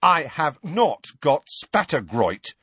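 A man's voice: mid-range voice, sing-song, a little slow, fairly bright tone, slightly rough, no room sound, voice pushed up, heavily acted. A man voicing a blunt, hot-headed, easily affronted teenage boy in an audiobook story. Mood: indignant. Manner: blunt, indignant.

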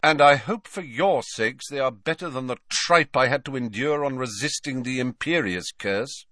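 A man's voice: medium pitch, normal speed, pushed and bright, dry recording, studio quality, pitched above the performer's own voice, close to an everyday voice. A man voicing a cold, sneering male teacher with a bored, mocking drawl.

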